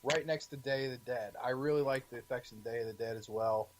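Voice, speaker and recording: A man co-hosting a film podcast, eager and halting as he searches for words. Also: mid-range voice, a little hiss or hum, rough recording. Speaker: podcast co-host. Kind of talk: casual film chat.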